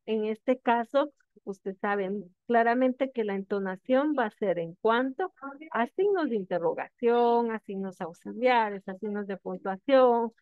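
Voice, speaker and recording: A fairly high-voiced woman teaches her class, walking through each step patiently and pausing to check that her students follow. Her voice comes through a thin, phone-like line with a dry, close sound and no room echo. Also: animated. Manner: patient explaining, frequent checking questions. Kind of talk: classroom lecture.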